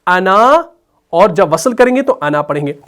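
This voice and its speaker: Speaking at a moderate pace in an expressive voice that sits high, this Urdu-accented man explains how to read the Quran. He is patient, stops often to make sure his students understand, and chants passages slowly as part of the lesson.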